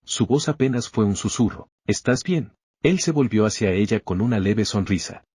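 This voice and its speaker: Low husky male narrator, dry voice-over. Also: a little fast, mellow, no room sound. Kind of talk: scripted story recap narration.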